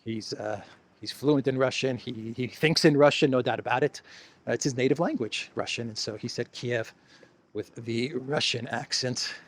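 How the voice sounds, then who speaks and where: A man's voice: medium pitch, moderate pace. A man giving casual solo commentary as host, chatty and sarcastic, with many fillers and restarts, laughing at his own jokes.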